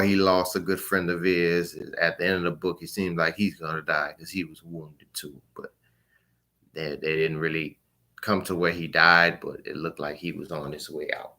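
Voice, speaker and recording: This man's voice sits low with a sharp tone as he casually reviews books. He rambles and hesitates, trailing off as each phrase ends.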